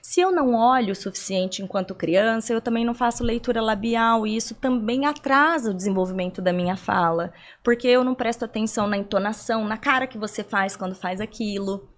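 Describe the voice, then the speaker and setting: A young woman from Brazil talks as a guest in a podcast interview, her voice sitting on the higher side. She explains at length and keeps her listeners involved with rhetorical questions and everyday examples. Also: fairly quick, hardly any pauses.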